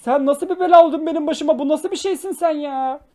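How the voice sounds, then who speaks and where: A young man streaming live, reacting to clips with loud exclamations, mock scolding and swearing. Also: extremely high pitch, fast talker, soft background music.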